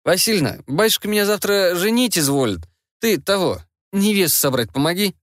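A man's voice: sits high, expressive, fairly quick, fairly bright tone, no echo, clean studio sound, pitched above the performer's own voice. A man reading an audiobook and voicing a naive, sulky fifteen-year-old prince who drawls and whines. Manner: whiny, drawling.

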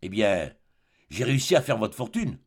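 A man's voice: on the low side, big pitch swings, normal speed, breathy edge. A man reading an audiobook, voicing a jealous, possessive spinster woman in her forties who pleads and reproaches. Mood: reproachful.

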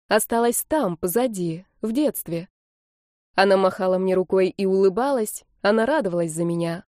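Woman reading a romance audiobook, gentle and emotional, mellow dark tone, dry close mic. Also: on the low side, dry recording. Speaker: audiobook narrator. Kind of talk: scripted first-person narration.

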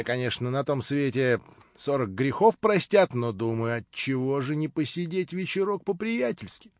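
A man's voice: mid-range voice, darkish tone, no room sound, natural voice. A man voicing a jovial, roguish old friend who banters and teases. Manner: bantering, teasing. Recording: dull, dry recording.

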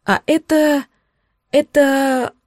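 A woman's voice: sits high, steady tone, drawn-out words, dry recording, studio quality, pitched above the performer's own voice. A woman voicing a young man who speaks curtly and protectively to his beloved. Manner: curt, gruff. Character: young male lover, protective and curt.

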